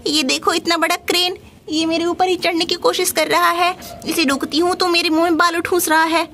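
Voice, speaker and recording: A woman voicing a frightened little cartoon bird pleading for help in a toy play story, with a high squeaky voice. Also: level tone, fairly quick, pushed and bright, slight background noise, exaggerated voice. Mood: panicked.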